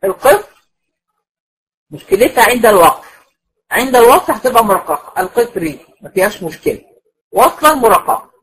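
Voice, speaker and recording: A woman's voice: fairly high pitch, sing-song, quick pace, husky, rough recording. A woman with an Egyptian accent teaching Quran recitation, explaining patiently, repeating her points and asking the class checking questions. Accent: Egyptian Arabic. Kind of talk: classroom lecture.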